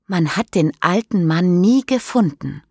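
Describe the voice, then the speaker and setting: A woman's voice: fairly low pitch, animated, a little slow, mellow, breathy edge, dry recording, studio quality, heavily acted. A woman voicing a playful teenage boy who tells a spooky tale to tease his friends, in an audiobook. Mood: teasing. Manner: teasing, playful. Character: teenage boy, teasing storyteller.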